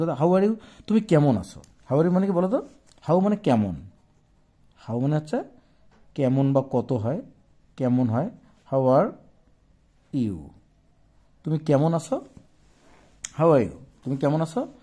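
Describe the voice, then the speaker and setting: A male English teacher walks young pupils through a textbook page, slowly and patiently. His voice is dark and slightly husky, and his pitch moves a lot as he repeats and spells out words. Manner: mixes Bengali explanation with English phrases. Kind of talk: classroom lesson explaining a textbook page.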